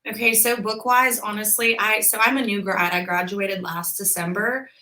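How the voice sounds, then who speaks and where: A woman's voice: medium pitch, fairly even intonation, normal speed, bright, forceful tone, poor audio. A woman in her twenties, a physical therapist, talking casually as a podcast guest with lots of filler words. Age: 20s. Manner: chatty, frequent "like" and "um" fillers.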